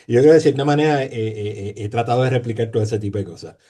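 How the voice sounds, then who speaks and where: A sociologist from Puerto Rico, speaking with a Puerto Rican Spanish accent, talks as a guest in a conversational interview. His mid-range, dark-toned voice comes out rapid-fire yet hesitant, full of fillers, repeated words and tag questions.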